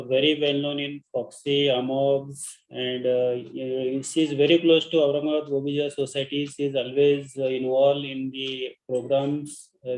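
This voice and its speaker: Indian male introducer, flat intonation, courteous and halting, formal webinar delivery, echoey call audio. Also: medium pitch. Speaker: introducer of the guest speaker.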